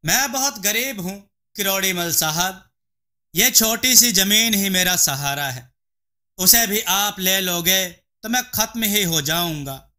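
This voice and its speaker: A man's voice: high-pitched, lively intonation, takes it slowly, pushed and bright, full character voice. A man voicing a poor, humble farmer who pleads with a landlord to keep his small plot. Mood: pleading.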